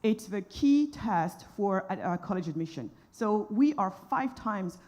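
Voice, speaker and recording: A woman from Senegal speaks on a conference panel, emphatic and outspoken. Her voice sits at an ordinary middle pitch and her delivery is passionate. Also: animated, a little slow, a little mellow.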